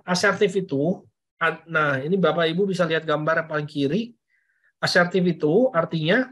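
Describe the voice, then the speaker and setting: A man's voice: fairly high pitch, fairly bright tone. A man giving a casual parenting lesson to parents over slides, repeating phrases and checking in with "oke?". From Indonesia. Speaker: parenting educator.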